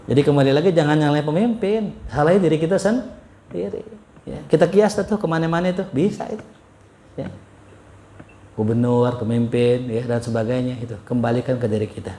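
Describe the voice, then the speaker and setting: A man's voice: a little high, a little mellow. A man giving a casual religious study lecture as a preacher, chatty and joking, chuckling often. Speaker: Islamic preacher. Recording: roomy echo.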